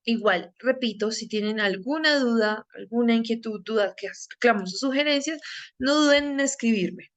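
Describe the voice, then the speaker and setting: A woman's voice: fairly high pitch, moderate pace. A young woman teaching an English grammar lesson, carefully repeating each word so learners catch its pronunciation.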